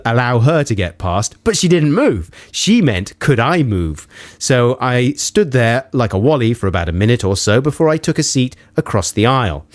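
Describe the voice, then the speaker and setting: A man's voice: on the low side, no room sound. A man co-hosting a radio show, reading listener emails and teasing his partner in playful banter. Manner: teasing, giggly, animated. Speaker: radio co-host. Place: radio studio. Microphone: studio microphone.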